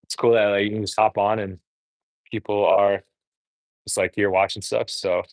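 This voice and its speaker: Cooking on a livestream, this man talks frankly and rambles, full of fillers and false starts. He's a dating coach host, Korean-born and raised in the US, with a fairly low, level voice at normal speed and no echo in the audio.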